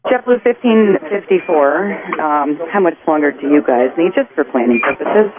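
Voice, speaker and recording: A man's voice: a little high, animated, normal speed, a crowd in the background. A man working as an air traffic controller, giving instructions to pilots over an aviation radio with static. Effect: aviation radio transmission with static. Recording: noisy narrow-band air traffic radio.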